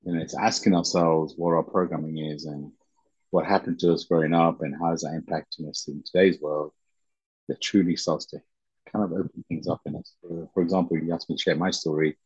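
A middle-aged man from Uganda, a podcast guest, telling his life story in a halting, reflective way with many pauses and restarts. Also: a bass voice, steady tone, darkish tone, slightly rough, no room sound, highs cut off.

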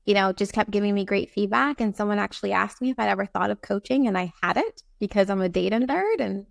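A woman's voice: mid-range voice, lively intonation, fast talker, gravelly, no room sound, clean studio sound. A woman from Barbados, a time management coach, chatting as an interview guest with lots of fillers and an upbeat manner. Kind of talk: casual interview talk.

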